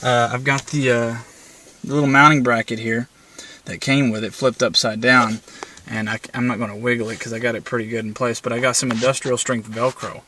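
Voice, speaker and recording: Brisk and a little sharp, his flat mid-range voice carries over slight background noise. He's a video maker filming his car setup handheld, wandering casually through it in plain words with many "uh" fillers.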